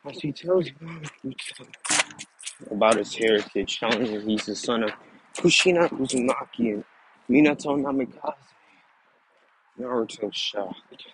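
A man's voice: medium pitch, expressive, measured pace, long pauses. A young man casually narrating a fan story, rambling and restarting phrases as he goes. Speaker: channel host and storyteller. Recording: noisy background.

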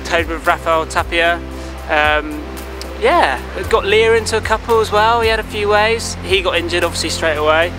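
A man in his thirties talks casually to a close camera on a clifftop by the sea. His voice sits a little high, and he rambles easily with lots of ums and likes while music plays underneath. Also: moderate pace, few pauses, low-quality recording. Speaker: big-wave surfer and vlogger. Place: outdoors on a clifftop by the sea at dusk.

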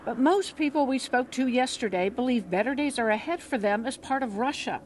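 A woman correspondent reading a scripted news report in a measured, even way. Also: high-pitched, a little hiss or hum. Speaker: foreign affairs correspondent.

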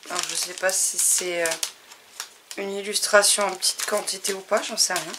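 A woman's voice: mid-range voice, steady tone, normal speed, background noise. A woman from France chatting casually to camera as she unboxes advent calendar gifts, enthusiastic and often trailing off with fillers.

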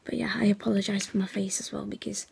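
Hoarse, half-whispering young woman. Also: medium pitch, flat delivery, quick pace, darkish tone. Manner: rambling, chatty, with many fillers. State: hoarse, voice nearly gone; sleepy, yawning. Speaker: vlogger. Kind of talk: casual vlog chat.

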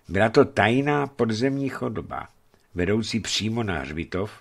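A man reading a novel aloud as narrator, in a calm, measured way. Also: deep voice, vocal fry. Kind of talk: scripted audiobook narration.

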